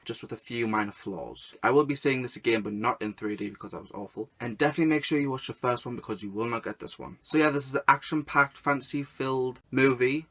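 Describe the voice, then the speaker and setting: A man's voice: fairly low pitch, fairly bright tone. A man giving a casual movie review to camera, talking emphatically and stacking repeated intensifiers.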